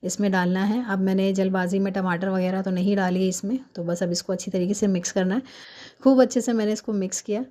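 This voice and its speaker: Hurried woman with a mellow, warm voice. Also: mid-range voice, fairly even intonation. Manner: hurried, chatty step-by-step explaining. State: fasting. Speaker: home cook vlogger. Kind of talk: cooking voice-over. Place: home recording, voice-over.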